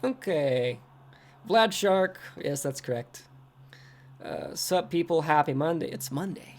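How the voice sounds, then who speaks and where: A man's voice: on the high side, animated, slow pace. A man chatting casually on a trading livestream, rambling and poking fun at himself as he reacts to his screen. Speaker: crypto trading streamer.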